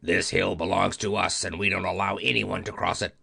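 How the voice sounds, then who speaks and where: A man voicing a stout, hostile little guard of the hills in a storybook, rough and defiantly gruff. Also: sits low, flat delivery, a little fast, bright, forceful tone, voice pushed down, full character voice. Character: short, stout, armless hammerhead man, hostile hill guard.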